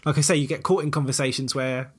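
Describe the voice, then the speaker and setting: A man's voice: mid-range voice, fairly even intonation, fast talker, slightly rough. A man with a southern English accent, hosting a podcast in a casual, reflective and self-deprecating way. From Portsmouth, south coast of England. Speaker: podcast host. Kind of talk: casual chat.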